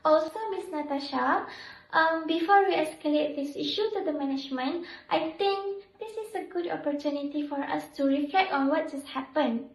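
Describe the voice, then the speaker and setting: A young female nurse acted by a woman speaks in a notably high voice with scripted, formal empathy. She is an earnest mediator in a role-play, recorded in an echoey room. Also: moderate pace. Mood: earnest, instructive. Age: young adult. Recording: roomy echo.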